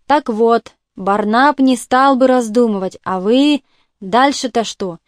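A woman's voice: a little high, slow, no echo, clean studio sound. A woman voicing a hard-drinking, remorseful male army captain who pleads and rambles. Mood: rueful.

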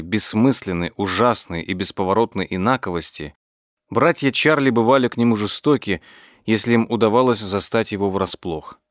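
A man reading an audiobook as its narrator, telling the story in a measured, even way. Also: fairly low pitch, no room sound, studio quality. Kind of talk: scripted narration.

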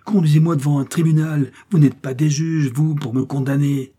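A man's voice: normal speed, darkish tone, breathy edge. A man voicing a desperate, vengeful young noblewoman who pleads and cries out for her life in an audiobook. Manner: shrill, pleading outcries.

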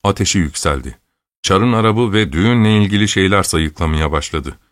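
A male narrator reading classic literature in a steady, earnest way. His voice sits on the low side, and the recording is dry with no room reverb. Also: brisk. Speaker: audiobook narrator.

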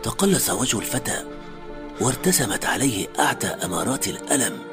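A man's voice: medium pitch, animated, brisk, close to an everyday voice. A man playing an anxious, analytical male doctor who narrates a radio horror story in a suspenseful, formal literary manner. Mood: grave, tense. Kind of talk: dramatic first-person radio story narration. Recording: faint music under the voice. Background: faint background music.

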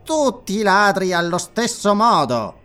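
A man's voice: sits high, expressive, normal speed, bright, forceful tone, faint music behind, pitched above the performer's own voice. A man voicing a sly, mocking, treacherous priest in an audiobook, with a sneering, ironic delivery. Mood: gloating.

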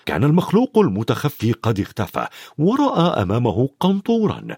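A man narrating a fantasy audiobook in a dramatic, expressive way. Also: medium pitch, a little fast, slightly rough, no room sound, clean studio sound.

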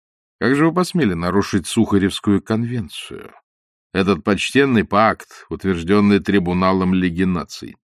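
A man's voice: deep voice, normal speed, dry recording, lightly acted. A man voicing a suave, ironic con man who gives dry, mocking orders.

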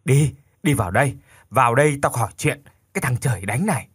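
Guy doing an old teacher, all choked up, gruff but loving, raspy. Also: mid-range voice, lively intonation, quick pace, no echo, studio quality. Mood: choked, scolding. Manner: choked, scolding fondly. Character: old man, tearful master greeting a lost pupil.

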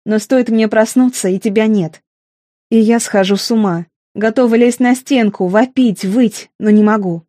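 A woman's voice: medium pitch, dark tone, no room sound, clean studio sound. A woman narrating a first-person audiobook in an intimate, emotional manner.

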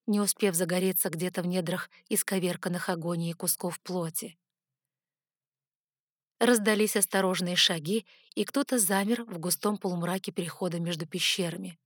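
A woman reading a fantasy novel aloud in steady, measured first-person narration. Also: medium pitch, no room sound, studio quality. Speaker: audiobook narrator.

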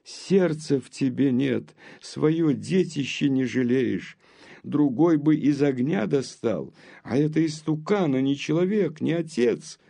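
A man voicing a frantic, weeping middle-aged townswoman who pleads in rapid bursts between sobs, as in a storybook reading. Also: on the high side, expressive, gravelly, dark tone, exaggerated voice. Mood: furious.

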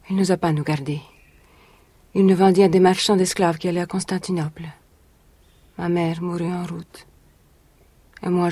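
An actress in a 1980s radio drama playing a young woman who was once a captive, telling her story in a measured, solemn way. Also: fairly low pitch, dark tone, no room sound. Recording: vintage radio recording.

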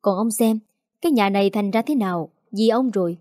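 A woman's voice: mid-range voice, a little fast, no echo, clean studio sound, natural voice. A woman doing a scolding peasant mother. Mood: nagging. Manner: sharp nagging, scolding. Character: scolding, tearful peasant mother in her forties.

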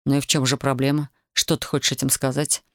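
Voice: mid-range voice, level tone, fast, fairly bright tone, no room sound, clean studio sound, voice pushed down, close to an everyday voice. A narrator voicing a wounded young male soldier who speaks tersely and with exasperation, in an audiobook reading.

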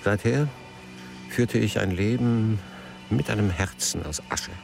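In a radio drama, an actor plays a middle-aged poet who is melancholy and jealous, his phrasing brooding and literary, his mood bitter and reflective. The voice is fairly low and creaky at a measured pace, with music in the background, delivering narration and intimate dialogue.

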